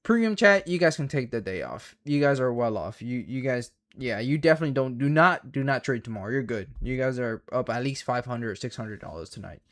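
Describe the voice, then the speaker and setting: A man hosts a live trading stream with a mid-pitched voice. His talk is casual and full of slang and profanity. He stresses his points emphatically and repeats them like a mentor drilling his students. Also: expressive, fairly quick, hardly any pauses.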